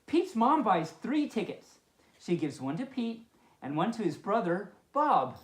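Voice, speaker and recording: Playing a friendly pup at children's story time, this woman reads in a sing-song, unhurried way at medium pitch, tossing in chatty, amused comments between lines. Her voice echoes around a roomy indoor space.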